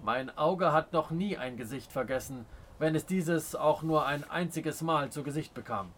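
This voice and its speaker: Reading an audiobook, a man voices a proud, stern adult male Native chief, delivering lines with slow, weighty scorn. His voice is a touch high for a man and sounds commanding without shouting.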